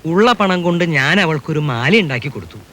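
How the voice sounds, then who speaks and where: A man's voice: fairly high pitch, animated, quick pace, a bit bright, a little hiss or hum. An actor playing a talkative, opinionated village father, chatty and admonishing, in a film drama. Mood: knowing, grumbling.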